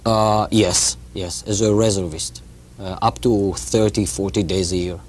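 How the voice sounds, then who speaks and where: A man in his fifties, raised in Israel, answering interview questions as an author, often halting and repeating words. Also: fairly low pitch, steady tone. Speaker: author guest. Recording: faint background noise.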